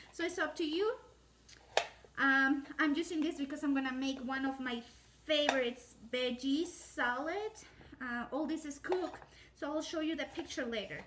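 Framed from the waist up by a phone or camera on her kitchen counter, a Spanish-speaking home cooking host demonstrates a technique in a rambling, casual way, full of fillers and self-corrections. Her voice sits high, and there's noise in the background.

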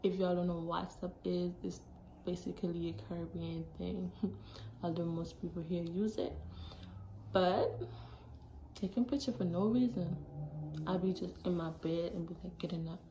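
A teenage girl from Jamaica chatting casually to her phone camera in a small bedroom, animated and full of asides. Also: lowish voice, normal speed, pauses often. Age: teens. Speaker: vlogger. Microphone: phone camera at arm's length. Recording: echoey room, faint background noise.

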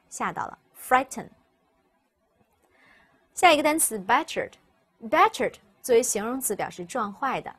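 A woman teacher, explaining English vocabulary step by step and repeating each word slowly for students. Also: a little high, fairly bright tone, husky. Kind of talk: recorded vocabulary lesson.

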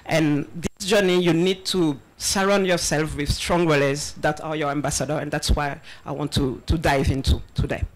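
Her voice is deep and steady, at normal speed with hardly any pauses, captured on a rough recording with a little hiss or hum. She's in her thirties, born in Senegal and raised in France, speaking about diversity hiring via handheld mic to an audience in a large, partly open-air event space, a bit nervous, laughing between points, with frequent ums.

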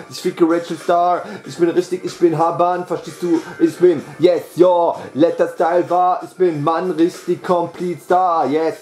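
A man's voice: high-pitched, a little mellow. A man freestyle rapping over a beat in a rambling, boastful chant, looping the same catchphrases again and again. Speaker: amateur rapper. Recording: echoey room with faint music.

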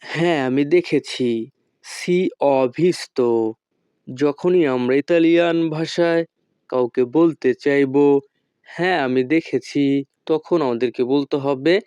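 A man teaching a language lesson, slowly and carefully repeating each phrase. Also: on the high side, a little mellow, clear, resonant tone, no room sound.

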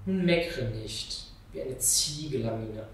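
A man voicing a calm, patient snake mother. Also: mid-range voice, slow pace, slight background noise. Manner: soothing, firm. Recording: very echoey room, mic far off.

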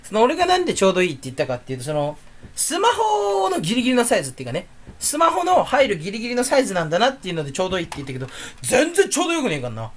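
A man records a casual unboxing chat for his channel, rambling along and answering his own jokes. His voice sits a little high and swings widely in pitch. He rattles on at a brisk clip. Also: huge pitch swings, slight background noise. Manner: rambling, jokey, talks to himself. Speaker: video creator.

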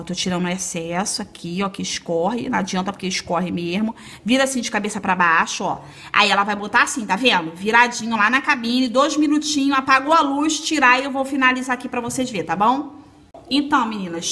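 Chatty high-voiced Brazilian woman teaching. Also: pushed and bright. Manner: chatty, reassuring, addresses viewers as girls and friends. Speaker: nail technician instructor. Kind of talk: casual hands-on tutorial. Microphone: phone camera.

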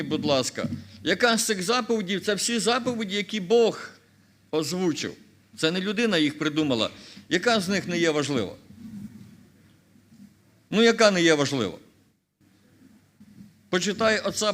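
High-voiced man preaching a sermon. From Ukraine. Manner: asks the congregation rhetorical questions and rises to emphatic, louder stresses; clears throat now and then. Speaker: pastor.

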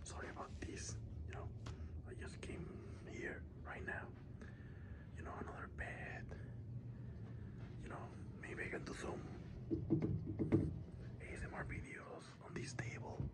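A man's voice: measured pace, pauses often, poor audio. Man whispering a travel vlog. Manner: soft whispering with frequent "you know" fillers. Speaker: ASMR vlogger. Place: hotel room. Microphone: recorded without the usual ASMR microphone.

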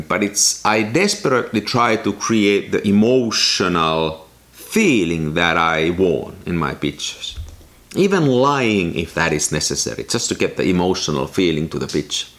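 A man's voice: low-pitched, fairly bright tone. A man narrating his own photography vlog in a casual, explanatory way, walking through camera technique step by step. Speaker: photography vlogger.

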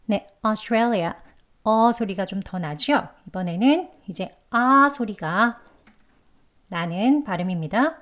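Patient female pronunciation teacher, native Korean speaker, mid-pitched voice, drawn-out demonstrations of sounds. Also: lively intonation, a bit bright. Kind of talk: pronunciation lesson.

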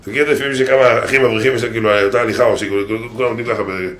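A man, a rabbi, giving a humorous sermon full of stories and impressions. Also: mid-range voice. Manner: lively storytelling with impressions.

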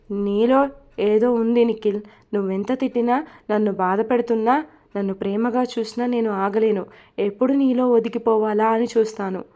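A woman voicing a lonely, tearful young wife who confides softly in a read-aloud story. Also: fairly high pitch, highs cut off, natural voice.

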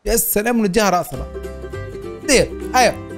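A young man with an Egyptian Arabic accent, hosting a gameplay video in a fast, laughing banter. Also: high voice, over music. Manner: animated, laughing, quick banter. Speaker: gaming YouTuber. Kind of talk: excited gameplay chat.

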